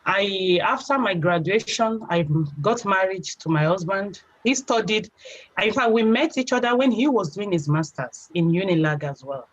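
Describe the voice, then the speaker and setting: A young adult woman with a Nigerian accent, a guest telling her story in a chatty, relaxed way, often saying "you know". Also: medium pitch, normal speed. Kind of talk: casual interview. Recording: slightly dull lo-fi sound.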